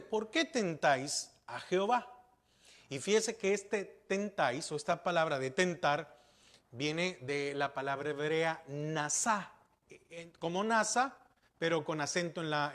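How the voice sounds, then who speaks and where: A man's voice: high voice, a bit bright. A man pastor preaching a sermon, asking rhetorical questions and repeating key words for emphasis.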